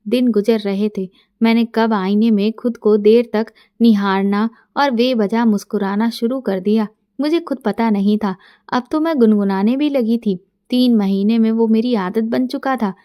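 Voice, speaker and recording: Middle-aged woman telling her story, soft and close, kinda high voice, dry sound. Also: no room sound. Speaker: narrator. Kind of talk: first-person story narration.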